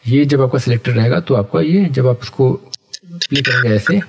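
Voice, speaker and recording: A man teaching animation software step by step in a patient, explanatory way, often checking in with his viewers. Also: medium pitch, moderate pace. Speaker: animation tutor. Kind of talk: screen-recorded software tutorial.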